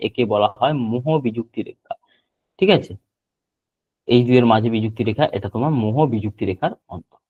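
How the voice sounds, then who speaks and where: A man teaching a geography class online, repeating key terms slowly so students can write them down. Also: mid-range voice. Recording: tinny phone-like line.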